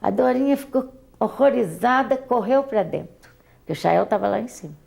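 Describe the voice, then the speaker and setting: An older woman with a Brazilian accent recalls her daughter in an oral history interview, halting and often repeating words. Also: on the high side, lively intonation, gravelly, darkish tone.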